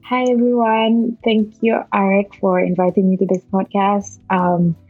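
Speaking at a measured pace with a flat delivery, a university student in her twenties chats casually as a podcast guest, her medium-pitched voice marked by an Indonesian accent with a bit of Malaysian. She uses lots of fillers and restarts. The recording has no echo but sounds narrow and tinny, with faint music behind her.

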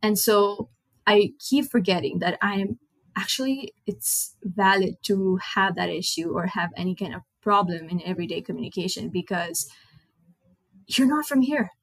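With a Nepali accent, a young woman hosts her own relaxed English podcast, rambling, chatting, and fixing her own words as she talks. Her mid-range voice moves at a normal speed on a dry recording with poor audio.

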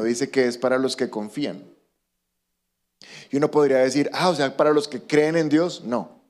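A man preaching a sermon as pastor, animated and acting out quoted voices. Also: mid-range voice.

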